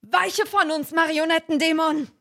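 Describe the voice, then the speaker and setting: A woman's voice: very high-pitched, fairly even intonation, moderate pace, a bit bright, pitched above the performer's own voice. A woman reading aloud and voicing a nervous teenage boy detective in a jittery, pleading way. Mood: scared.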